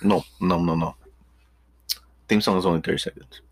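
A man's voice: deep voice, steady tone, moderate pace, slightly rough, dry recording. A man co-hosting a casual podcast, swearing freely and repeating his points with emphasis. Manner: profane, emphatic, repeats himself. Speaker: podcast co-host. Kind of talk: casual chat.

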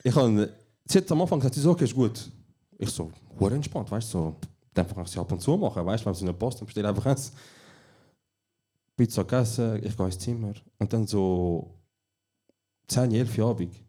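A young man with a Swiss German accent co-hosts a podcast recorded live, telling his stories in a laid-back, dry way. His voice is low, mellow and a touch husky. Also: fairly quick. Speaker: podcast co-host. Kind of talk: casual chat recorded live. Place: small venue, live recording.

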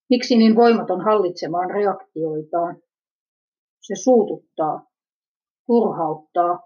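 A woman's voice: mid-range voice, slightly rough. A woman reading a first-person personal narrative aloud in an introspective, self-questioning manner, on a dull lo-fi recording.

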